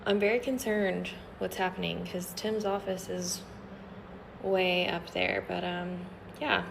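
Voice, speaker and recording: A woman's voice: fairly low pitch, level tone, slow, vocal fry, very noisy. A woman casually telling viewers about something she is filming. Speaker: office worker filming a curious sight. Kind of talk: casual storytelling to phone.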